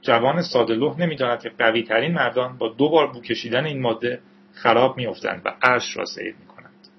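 A man reading the lines of a gruff middle-aged male captain with dry, mocking asides, in a storybook. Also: medium pitch. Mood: musing. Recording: dull lo-fi recording.

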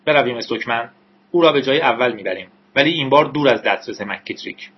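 A man's voice: medium pitch, breathy edge, lo-fi sound, natural voice. A man doing a stern contemptuous agent. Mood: cold. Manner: cold, contemptuous, clipped.

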